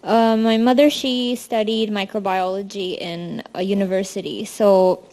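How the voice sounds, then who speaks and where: A woman's voice: mid-range voice, fairly even intonation, a little slow, mellow. Young Indian-born woman giving a student talk. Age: young adult. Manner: casual, frequent ums, friendly. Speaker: student presenter. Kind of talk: presentation talk.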